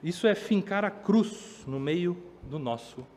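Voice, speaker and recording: A man with a high voice preaches a sermon, his words carrying a long reverb through a church hall. He builds up emphasis as he goes and slips into the voices of children and parents to make his point. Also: lively intonation, unhurried, darkish tone. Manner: preaching with rising emphasis, acting out children's complaints. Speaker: pastor.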